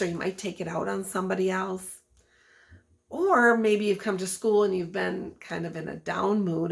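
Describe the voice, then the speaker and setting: Gentle gravelly guidance counselor. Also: female voice, medium pitch. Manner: gentle, explanatory, addressing students. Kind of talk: storybook read-aloud and lesson for children.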